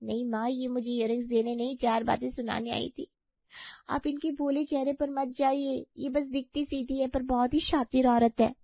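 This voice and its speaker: Woman voicing a spiteful, gravelly young sister-in-law. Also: sits high, little pitch movement, moderate pace, dry recording. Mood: scornful. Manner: accusing, whiny. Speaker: voice actor. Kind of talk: cartoon story voice acting. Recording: dry, slightly dull audio.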